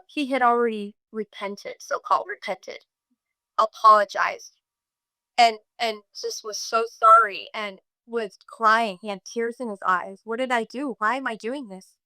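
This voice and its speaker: A middle-aged woman telling a personal story in a podcast conversation, emotional and halting, quoting others as she goes. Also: fairly high pitch, sharp tone, no room sound. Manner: emotional, halting, with many restarts and quoted speech. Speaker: guest sharing her story.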